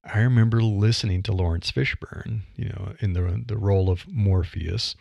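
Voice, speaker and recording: This middle-aged man's creaky, somewhat mellow voice is on the low side and moves at a moderate pace, captured lo-fi with no echo. A podcaster and writer with a Midwestern accent, he talks reflectively about voice delivery, conversational and quick to say "you know" or laugh lightly.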